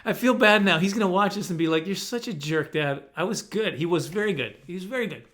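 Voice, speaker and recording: A man's voice: high voice, lively intonation, fast talker, fairly bright tone, faint music behind. A middle-aged man telling comic stories, defensive in mock fashion and repeating himself for laughs. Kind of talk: comic storytelling monologue.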